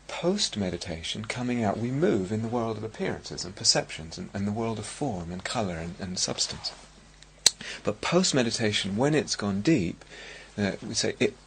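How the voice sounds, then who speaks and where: English man, meditation teacher, gravelly low voice, halting reflective talk, faint hiss. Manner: reflective, halting with many restarts and fillers. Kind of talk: dharma talk. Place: meditation hall at a retreat centre.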